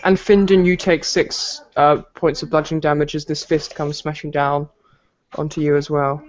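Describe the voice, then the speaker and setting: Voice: medium pitch, flat delivery, normal speed. Chatty game master, dull lo-fi recording. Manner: chatty, self-correcting, joking with players. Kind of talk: running a tabletop game. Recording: dull lo-fi recording with faint noise.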